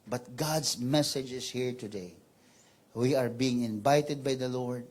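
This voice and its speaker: A male pastor delivers a sermon in a storytelling way. He moves freely between Tagalog and English, and his voice climbs high and intense at the dramatic moments before settling back down. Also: slow pace, a little mellow. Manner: storytelling preacher, mixing Tagalog and English, pitch rising sharply in dramatic parts.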